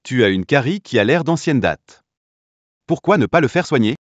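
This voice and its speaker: An actor dubbing a calm young dentist in a drama series, gentle and reassuring. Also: male voice, medium pitch, normal speed, dry recording, dull audio. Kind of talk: French dub of a drama series.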